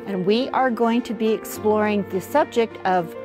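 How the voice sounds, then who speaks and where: A woman's voice: mid-range voice, moderate pace, over music. A woman hosting a community lecture series, giving a welcoming introduction to the event. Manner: welcoming, announcing.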